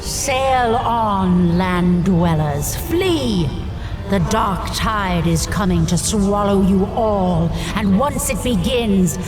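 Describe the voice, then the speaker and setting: A woman voicing a menacing, vengeful female sea witch, heard as a disembodied, echoing voice whose speaker is unseen, making slow threatening pronouncements. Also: mid-range voice, expressive. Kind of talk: video game cutscene voice acting. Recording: echoey voice over loud game music.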